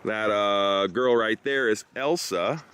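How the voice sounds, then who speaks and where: Low-pitched man vlogging outdoors. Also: slow pace, fairly bright tone, smooth. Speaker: goat farmer and co-host. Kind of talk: casual explanatory vlog talk. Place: outdoors in a goat pasture. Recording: outdoor noise with bleating goats. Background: goats bleating, faint outdoor ambience.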